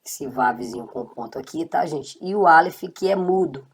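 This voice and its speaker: A woman's voice: deep voice, expressive, moderate pace, husky. A woman teaching a casual online Hebrew lesson, patiently checking in with her students.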